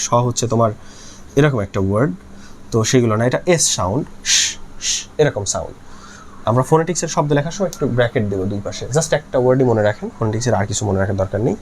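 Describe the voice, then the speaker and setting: A man's voice: medium pitch, darkish tone, a little hiss or hum. A man teaching linguistics in a lecture style, who models sounds by repeating words aloud and asks and answers his own questions. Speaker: linguistics tutor. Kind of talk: explanatory lecture.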